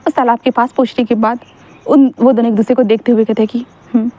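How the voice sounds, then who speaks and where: A woman's voice: a little high, steady tone, quick pace, warm tone. A young woman casually narrating her own story aloud in a chatty, rambling way, often correcting herself mid-sentence.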